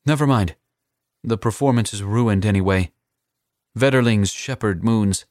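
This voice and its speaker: A man voicing a young captive assassin who is defiant and taunting, in a higher, strained and sneering voice. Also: a little slow, a little mellow, no echo, studio quality, natural voice.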